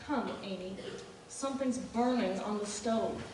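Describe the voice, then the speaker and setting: A woman's voice: medium pitch, unhurried, natural voice. A young woman playing a dramatic, disapproving tomboy sister in a stage play. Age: teenage or young adult performer. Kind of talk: high school stage play acting. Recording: very echoey stage, distant mic, noisy.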